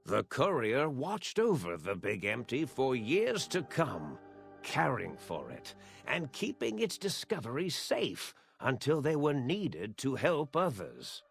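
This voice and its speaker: An actor playing a grave, wistful storyteller, giving measured, solemn scripted narration for a video game. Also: male voice, mid-range voice, wildly swooping pitch, vocal fry, faint music behind, heavily acted.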